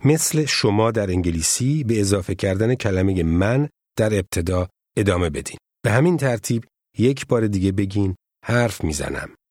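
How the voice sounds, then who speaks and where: Low-voiced man narrating a language lesson, dry sound. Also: animated, darkish tone, dry recording. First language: Persian. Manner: measured instructional delivery with prompts to repeat. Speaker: language course instructor.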